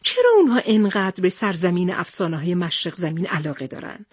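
Brief: clever, thoughtful man, read by a woman, husky tone. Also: on the low side, lively intonation, no room sound, studio quality. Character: sharp adult male hero, thoughtful.

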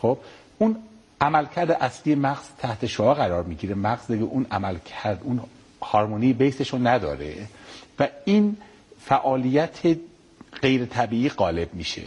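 A middle-aged man, a pediatric neurosurgeon, answering interview questions politely and explaining calmly with everyday comparisons. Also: medium pitch, slightly rough.

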